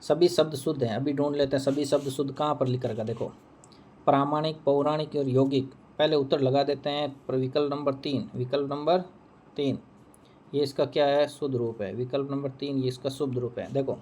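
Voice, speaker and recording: A man's voice: mid-range voice, a little mellow. Repetitive male Hindi teacher. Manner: repeats answers, asks and answers own questions. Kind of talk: exam answer key walkthrough.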